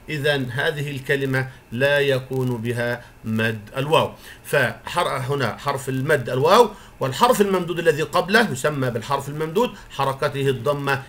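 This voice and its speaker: Encouraging male teacher, fairly high voice. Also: sharp tone. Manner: stretches example words out slowly, syllable by syllable; encouraging, praises the pupils often. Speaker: primary school teacher. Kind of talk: recorded classroom lesson for young children.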